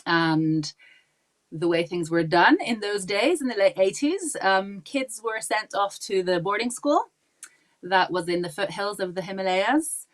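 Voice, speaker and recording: Speaking as a podcast guest in a casual interview, this woman in her forties, raised in Pakistan, chats warmly and readily. Her mid-range voice is animated and unhurried, broken by frequent laughter and lots of ums.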